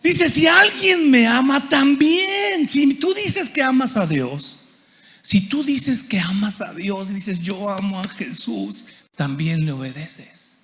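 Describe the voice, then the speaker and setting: A man preaching a lively conference sermon as a Bible teacher, often asking the audience questions and acting out quotes. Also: very high-pitched, slow, a little hiss or hum. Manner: animated, asks the audience questions and acts out quotes. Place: large church auditorium. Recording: long hall reverb.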